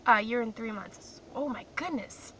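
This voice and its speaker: Her voice is on the high side and a bit bright, at a moderate pace. The young woman, who grew up in Croatia, is rambling casually to her phone camera from a parked car and often pokes fun at herself. It is recorded on a distant mic with faint car noise.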